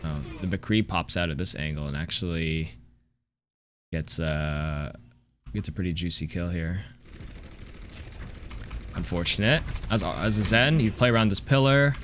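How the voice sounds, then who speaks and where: A man's voice: low voice, a little slow, pauses often, fairly bright tone, a little hiss or hum. A man reviewing gameplay as a coach, talking casually in a blunt, analytical and sometimes sweary way. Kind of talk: casual live game review commentary.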